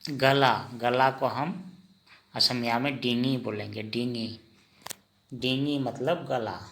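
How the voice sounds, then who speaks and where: A man teaching vocabulary in a slow lesson, asking the listener each word and then repeating the answer. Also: mid-range voice, steady tone, creaky, a bit bright. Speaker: language teacher.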